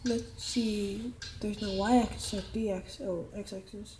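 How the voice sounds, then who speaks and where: A woman giving casual, rambling commentary over a gameplay video, excitable and full of quick exclamations. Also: medium pitch, a little hiss or hum.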